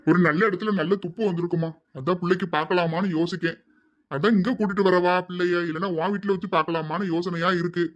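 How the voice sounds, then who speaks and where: A man voicing an earnest, worried middle-aged father who speaks quietly. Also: high voice, fairly even intonation, fast talker, lo-fi sound, natural voice. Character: middle-aged father, worried and set on marrying off his daughter. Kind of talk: hobby audio drama.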